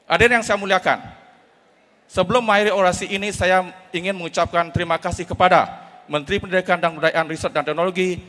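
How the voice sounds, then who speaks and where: A middle-aged man, giving a formal, measured academic oration as a professor at a podium microphone. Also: sits high, fairly even intonation, fairly bright tone. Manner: formal, measured, reads prepared speech. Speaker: professor giving inaugural lecture. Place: large auditorium. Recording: reverberant auditorium hall.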